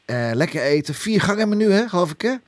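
A man hosting a casual radio chat in a halting, repetitive way, often ending on tag questions to seek agreement. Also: high voice, lively intonation, dry recording. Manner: chatty, halting, repeats himself, seeks agreement with tag questions. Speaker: radio host. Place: dry radio studio.

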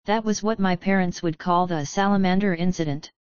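A woman's voice: fairly low pitch, fairly quick, darkish tone, clean tone, dry recording, lo-fi sound, close to an everyday voice. A woman voicing a clever, blunt teenage boy wizard in a dry, matter-of-fact way, in a storybook reading.

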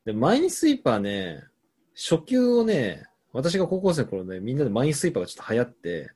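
A young man with a husky, breathy voice talks quickly and swings his pitch all over the place. He hosts a relaxed comedy chat, reading listener answers and riffing on them with playful, deadpan absurdity.

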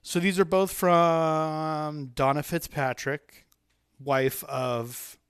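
A man hosting a podcast, chatting casually in a rambling, animated way that often stops and restarts mid-sentence. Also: a little high, very slow, clean tone, dry recording, clean studio sound. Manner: rambling, self-interrupting, animated. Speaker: podcast host. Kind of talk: casual chat.

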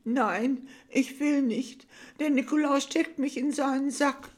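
A woman voicing a shy little kindergarten girl in a storybook tale, high and loud. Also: takes it slowly. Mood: scared. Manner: bright, eager, very loud.

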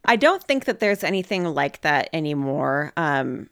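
A young woman from Oregon hosting a podcast, chatty and quick to laugh. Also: low-pitched, big pitch swings, no room sound, studio quality. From Oregon, USA. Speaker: podcast host and producer. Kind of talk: casual podcast chat.

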